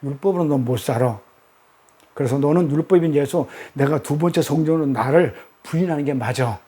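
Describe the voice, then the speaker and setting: A man voicing Jesus as a gentle, loving father figure while acting out scripture in a sermon. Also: high voice, lively intonation, fast. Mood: tender.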